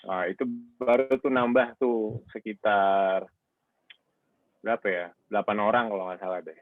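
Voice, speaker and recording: A man's voice: fairly low pitch, steady tone, moderate pace, no room sound. A man who owns a car wash, chatting casually in an interview over a call and rambling with plenty of fillers. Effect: heard over a phone line. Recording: narrow tinny phone-like sound, dry.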